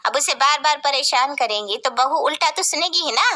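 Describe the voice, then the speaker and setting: A woman's voice: high-pitched, lively intonation, normal speed, sharp tone, pitched above the performer's own voice. A woman voicing a meddling middle-aged neighbor woman who lectures in a preachy, nosy way.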